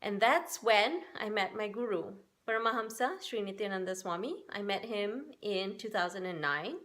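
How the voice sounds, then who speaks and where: A spiritual workshop host in her forties from Singapore, speaking in the Bay Area of the United States, gives an earnest, upbeat personal talk meant to encourage other women. Her mid-range voice is a bit bright and animated, at a normal speed.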